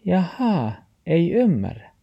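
A man voicing an excitable, yappy female dachshund in a storybook, speaking in a high, shrill voice. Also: creaky, husky, highs cut off, full character voice. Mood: doubtful.

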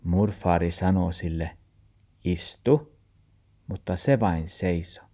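Mellow-voiced Tornedalian storybook narrator. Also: male voice, sits low, steady tone. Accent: Tornedalian Meänkieli. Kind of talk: storybook reading.

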